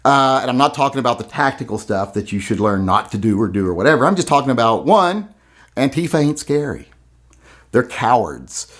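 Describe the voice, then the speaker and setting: A man's voice: mid-range voice, expressive, a little fast, a bit bright. A man commenting on a video in a blunt, profane and mocking way. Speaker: gun channel host.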